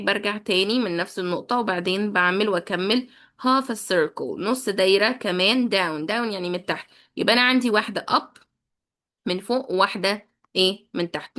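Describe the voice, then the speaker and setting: A woman's voice: mid-range voice, quick pace, a bit bright. A young adult woman with an Egyptian Arabic accent, teaching children's English basics patiently and repeating each point twice. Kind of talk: explanatory lesson.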